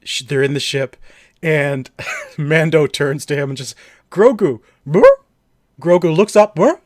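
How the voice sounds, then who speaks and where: An eager male podcast co-host talks in loose, rambling bursts, full of fillers and restarts. His voice sits a little high. The sound is dry and close, with no room around it. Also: a little slow, no echo. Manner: enthusiastic, rambling with many fillers. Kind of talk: casual chat.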